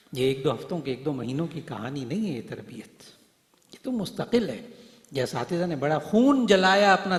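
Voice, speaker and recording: A middle-aged man preaching, telling stories and acting out their dialogue, swinging from soft to loud. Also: medium pitch. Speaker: Islamic preacher and hadith teacher. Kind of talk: Urdu religious speech to a gathering. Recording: echoey hall, voice through speakers.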